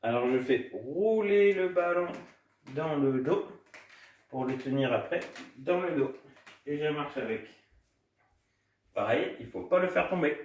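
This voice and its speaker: A man's voice: a little high, animated, measured pace, pauses often. A man coaching a baby gym session for small children at home, talking in a cheerful, sing-song way while he demonstrates the moves. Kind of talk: instructional talk to small children. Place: indoor room at home. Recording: echoey room, distant from mic.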